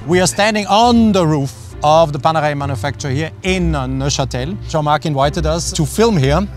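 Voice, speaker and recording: A man presents a watch show in a slightly high, lively voice, chatty and animated as he walks viewers through. Soft music plays underneath. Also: moderate pace. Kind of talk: casual presenting to camera.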